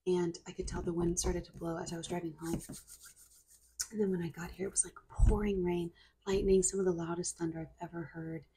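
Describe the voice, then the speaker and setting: A woman in her thirties rambling casually in a soft-spoken ASMR video, close to a small mic. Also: fairly low pitch, level tone, fairly quick, husky, rough recording. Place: home kitchen, indoors. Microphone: mini mic close up on counter or handheld.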